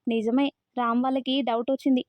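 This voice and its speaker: A lively, teasing young bride in a storybook telling, read by a woman. She sounds high and brisk. The recording is dry and dull. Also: no echo, lightly acted.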